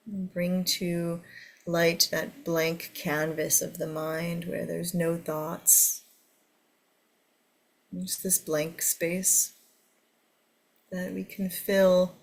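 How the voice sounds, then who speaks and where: A woman with a fairly low voice leads a guided meditation as the teacher. She speaks very slowly and gently, giving soothing instructions to a seated group. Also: vocal fry.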